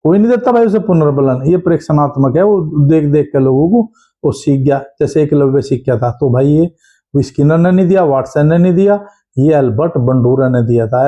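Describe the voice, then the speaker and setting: An animated man teaching an exam-prep lesson, firing questions at his students and answering them himself. His voice sits a bit high but has a mellow, dark tone. The recording sounds dull and lo-fi. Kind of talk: lecture. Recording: dull lo-fi audio.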